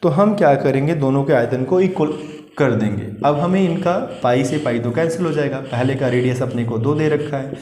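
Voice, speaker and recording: A man teaching a maths lesson for exam students, asking questions and answering them himself as he goes through each step. His voice is dark and mellow and sits at an ordinary pitch for a man. The room around him is noticeably echoey. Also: normal speed. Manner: calls his students "children" warmly.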